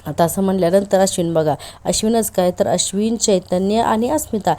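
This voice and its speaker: Woman, serial recap, chatty, mellow, warm tone. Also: mid-range voice, brisk. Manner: chatty, repeats "look now" cues. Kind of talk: casual episode retelling.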